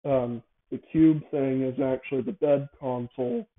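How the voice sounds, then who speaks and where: Over tinny, phone-like audio, a man with a mid-range voice and fairly even intonation hosts a loose, unscripted show. As he lays out his concept for a device, he stumbles, backtracks, and repeats phrases.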